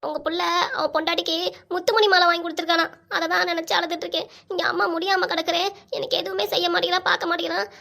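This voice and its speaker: A woman's voice: very high voice, little pitch movement, racing, vocal fry, bright, forceful tone, exaggerated voice. A woman voicing a tearful, self-pitying middle-aged mother in a cartoon comedy, with a southern Tamil Nadu accent. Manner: tearful, plaintive.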